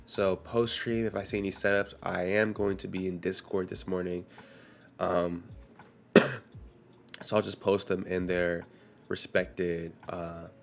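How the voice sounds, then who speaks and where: A young man with a deep, level voice and vocal fry speaks slowly with long pauses while streaming live forex trades. He's getting over a cold and coughs occasionally. His talk is casual as he reviews the day's economic news and reads headlines aloud conversationally.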